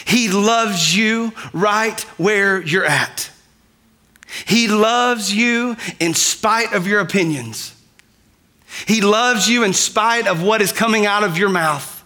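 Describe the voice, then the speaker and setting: A man preaching a sermon, shifting between quiet, drawn-out lines and loud cries. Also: high-pitched. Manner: dynamic, swings from soft to loud. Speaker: pastor.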